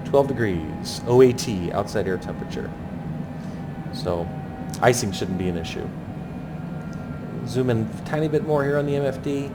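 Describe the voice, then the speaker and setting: A man's voice: mid-range voice, animated, moderate pace, long pauses, very noisy. A man giving running commentary as he flies a landing approach, thinking aloud in clipped aviation jargon. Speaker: flight simulator pilot narrating.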